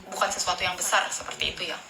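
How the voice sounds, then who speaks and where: A woman's voice: on the low side, fairly even intonation, fast, creaky. A woman in her thirties talks through relationship advice in a loose, chatty way, restarting her sentences as she goes. Her voice bounces around an echoey room, with noticeable background noise behind it. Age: 30s. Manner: talkative, frequent fillers and restarts. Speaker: advice vlogger answering viewer questions. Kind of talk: casual chatty advice talk.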